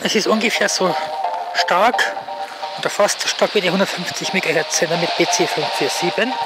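A person giving casual, off-the-cuff field test commentary in a halting way, as if thinking aloud, recorded outdoors on a handheld camera. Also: mid-range voice, low-quality recording. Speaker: amateur electronics video maker. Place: outdoors on a paved path. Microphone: handheld camera's built-in microphone. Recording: music and radio noise behind voice. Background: music playing over a radio.

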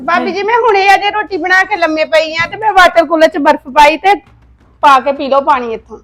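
A woman playing a tired young married woman in an amateur family drama, replying quickly and defensively. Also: very high voice, a bit bright, faint music behind.

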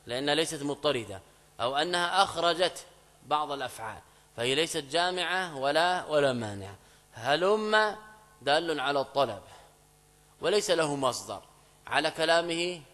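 A man teaching an Arabic grammar lesson in a mosque. He explains step by step, repeats key phrases, asks students checking questions, and reads quoted examples slowly and louder. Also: a little high. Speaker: Islamic scholar teaching grammar. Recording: long mosque reverb.

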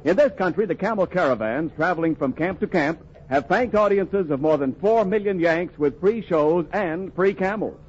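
A man's voice: sits high, expressive, moderate pace, hardly any pauses, darkish tone, slightly rough. A man announcing from a script in the polished style of 1940s sponsored radio. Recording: dull 1940s radio recording, faint music.

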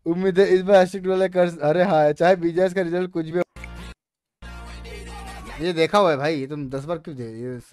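A man's voice: on the high side, moderate pace, pauses often, darkish tone, clear, resonant tone, no room sound, soft background music. A young man from India reacting to memes, swearing and laughing in casual slang. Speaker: meme reviewer. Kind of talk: casual meme reaction commentary.

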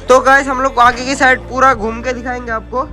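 A man's voice: extremely high pitch, little pitch movement, a little fast, sharp tone, faint music behind. A man hosting a casual vlog outdoors at a stadium site, chatting to viewers and calling them guys. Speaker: vlogger host.

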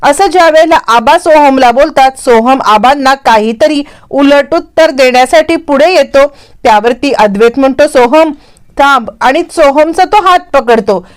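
A woman's voice: high voice, moderate pace. A woman narrating a dramatic recap of a TV serial episode, reading the characters' lines aloud in a lifted voice. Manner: storytelling, reads characters' lines in quotes with a lifted voice.

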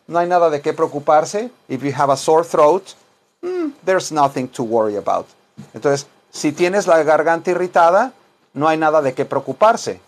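A slow-paced middle-aged man on the high side teaches a bilingual English lesson in Spanish and English. He is an English teacher and self-styled chaplain, informal and repetitive, dictating phrases word by word in a small wood-paneled room indoors.

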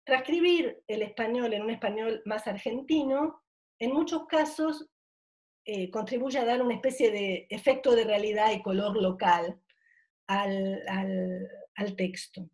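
A middle-aged woman, a university professor, giving an academic conference talk in a thoughtful way, often pausing on drawn-out fillers as she searches for words. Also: mid-range voice, darkish tone.

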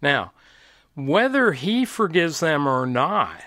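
Middle-aged male Bible teacher, slow and animated, close dry mic. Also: on the high side, no room sound. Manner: slow, deliberate, explanatory. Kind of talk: informal Bible teaching monologue.

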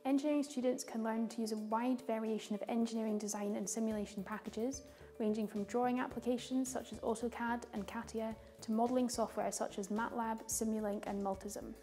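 This guided-tour narration comes from a young woman with a fairly high voice, reading prepared lines clearly at a fairly quick pace. She sounds calm and informative, with music behind her.

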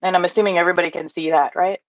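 A woman's voice: on the low side, fairly even intonation, very fast, dry recording. A woman in her thirties from Hawaii, giving an upbeat online training from a home office and reading out replies from the chat, with many fillers along the way. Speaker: workshop trainer. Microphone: webcam or laptop mic on a video call. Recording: dry, dull lo-fi video call audio.

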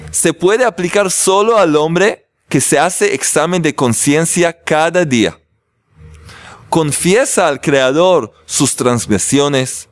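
A man leads a religious class as a rabbi, joking with viewers before explaining the text. His voice sits a little high and swings widely in pitch. The sound is dry, with no room echo. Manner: animated, joking with the audience, then explaining. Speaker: rabbi teaching a weekly class.

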